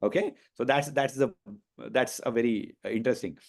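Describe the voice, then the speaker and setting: A man's voice: medium pitch, moderate pace, vocal fry, a little mellow. A male coach with an Indian accent leads a motivational interview. He drives each point home with emphasis and repetition, often turning to his listeners to check they are following. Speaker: coach hosting a session.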